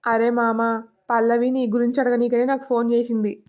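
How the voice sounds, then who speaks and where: A woman's voice: fairly high pitch, flat delivery, a little fast, clear, resonant tone, close to an everyday voice. A matter-of-fact young friend from a village cartoon, voiced by a woman. He speaks. The audio is tinny and narrow.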